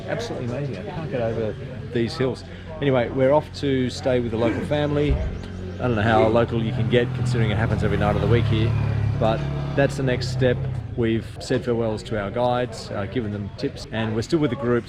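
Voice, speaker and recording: A man's voice: mid-range voice, a little fast. A man narrating a casual travel vlog in a wry, understated but appreciative way. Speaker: travel vlogger. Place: mostly outdoors on a tour. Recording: outdoor handheld recording with ambient noise.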